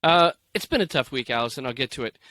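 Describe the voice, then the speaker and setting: A man's voice: mid-range voice, lively intonation, quick pace, bright, forceful tone, no echo. A man co-hosting a podcast in casual, jokey chat, reading stories aloud and slipping into playful voices. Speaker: podcast co-host.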